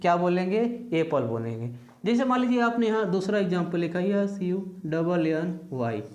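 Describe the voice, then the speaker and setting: A woman's voice: on the low side, animated, moderate pace, darkish tone, reverberant. A woman teaching English pronunciation, asking and answering her own questions in a repetitive drilling manner. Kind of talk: classroom lesson.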